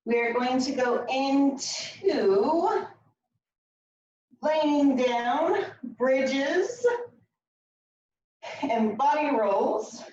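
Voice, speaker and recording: A woman's voice: sits high, expressive, extremely slow, long pauses, darkish tone. A woman leading a floor workout class, giving step-by-step cues in an encouraging coaching manner while she demonstrates. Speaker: fitness class instructor. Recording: very echoey room, distant mic, slightly dull.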